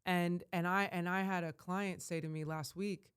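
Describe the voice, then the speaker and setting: A woman life coach giving an emphatic, rambling vlog monologue that surges to loud, heated peaks. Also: on the low side, steady tone, moderate pace, clear, resonant tone. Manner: rambling with frequent restarts.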